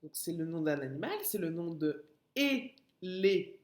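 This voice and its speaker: A woman teaching a phonics lesson to young children, breaking words into syllables slowly and patiently. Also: low-pitched, warm tone, echoey room. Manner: slow, syllable-by-syllable, patient explaining. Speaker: kindergarten teacher.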